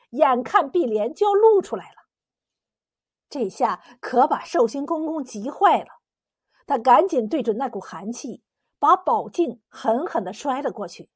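A woman narrating a folk legend as a storyteller in a lively, expressive way. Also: high-pitched, husky.

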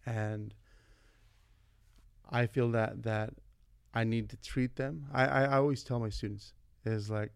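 A man's voice: mid-range voice, unhurried, vocal fry, pauses often, smooth, no echo, clean studio sound. A man in his forties, a vice principal from California, telling stories in a casual interview and acting out what people said. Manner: animated, acts out quoted dialogue in his stories. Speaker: vice principal, podcast guest.

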